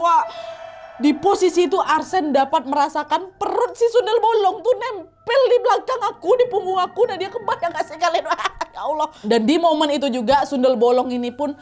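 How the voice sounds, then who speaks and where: A woman, chatty and expressive as she narrates a horror story and talks straight to her listeners. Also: sits high.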